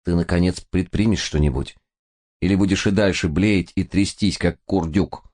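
A man's voice: sits low, darkish tone. A man playing a patient older doctor. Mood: insistent. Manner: patient, measured.

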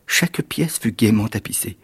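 A man, an actor, reading a fairy tale aloud in measured, expressive storytelling narration. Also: lowish voice, slightly rough.

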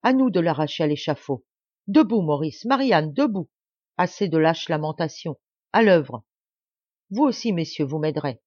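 A woman's voice: deep voice, lively intonation, drawn-out words, few pauses, mellow, no room sound, lo-fi sound, heavily acted. A woman reader voicing a desperate, resolute middle-aged noblewoman who gives impassioned orders. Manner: impassioned, commanding exclamations.

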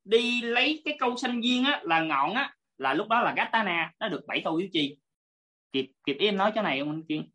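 A woman's voice: mid-range voice, expressive, fairly quick, a bit bright. A woman teaching an online class over a video call, politely explaining step by step and repeating her points.

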